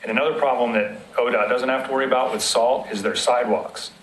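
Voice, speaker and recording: A man's voice: medium pitch, fairly even intonation, fast, slight background noise. Plainspoken man in an echoey meeting room. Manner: practical, plainspoken, explains with examples. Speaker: city road maintenance staff presenting. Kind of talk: public committee meeting discussion.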